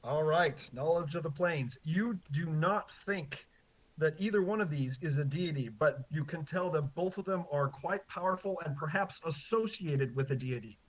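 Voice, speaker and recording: A man's voice: fairly high pitch, normal speed. A man running a tabletop fantasy game as game master, narrating and talking with players. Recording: slightly muffled, lo-fi.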